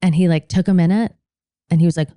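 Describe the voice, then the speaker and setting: A woman as a podcast guest in casual chat, telling animated stories with quick asides. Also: on the low side, dry recording, studio quality.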